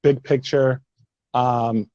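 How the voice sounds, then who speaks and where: A man with a warm, mellow voice tells a vivid story on a webinar panel. The audio is dry, with no room sound, and comes through a slightly dull video call line. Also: mid-range voice, fairly even intonation, extremely slow, no echo.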